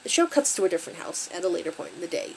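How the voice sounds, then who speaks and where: A woman's voice: lowish voice, lively intonation, rapid-fire, gravelly, slight background noise, low-quality recording. A woman hosting her channel, recapping a creepy story with wry, conversational asides. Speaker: channel host and story reader.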